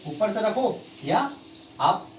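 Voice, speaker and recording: The chemistry teacher speaks slowly and animatedly in a high-pitched voice, regularly throwing quiz questions at the class. He repeats key phrases and slips in English terms. Slight noise and echo come through, since the mic is far away in the room.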